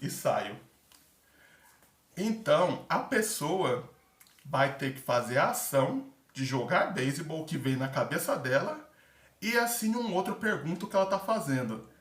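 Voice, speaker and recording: Sing-song and on the high side, this somewhat bright man's voice runs a little slow. A one-time theater-course candidate, he gives chatty tips about the aptitude test in a casual vlog, acting out examples and filling gaps with fillers. The mic is distant in an echoey room.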